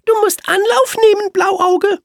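Storybook doe: a bossy, proud girl deer, squeaky high. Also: steady tone, unhurried, gravelly, no room sound, studio quality, exaggerated voice. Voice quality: very high, bright girlish voice. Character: haughty young doe, showing off.

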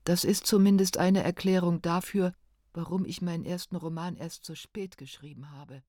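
A woman reading a first-person narration in a calm, measured, reflective way. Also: on the low side, no echo, clean studio sound. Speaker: audiobook narrator.

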